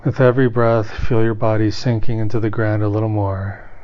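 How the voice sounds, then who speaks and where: Guiding a meditation as its teacher, a man speaks on the low side in a calm, soothing, unhurried way. He leaves long pauses between instructions, and the sound quality is lo-fi.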